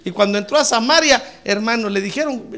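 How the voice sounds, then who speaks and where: A man pastor preaching a sermon, emphatic and addressing listeners as brother, swinging from hushed asides to shouted praise. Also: very high-pitched, fairly quick.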